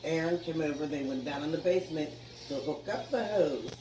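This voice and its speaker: A woman recounting strange happenings in her house in a casual interview, earnest and steady. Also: low-pitched, a little fast, echoey room, recorded from a distance, background noise. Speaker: homeowner.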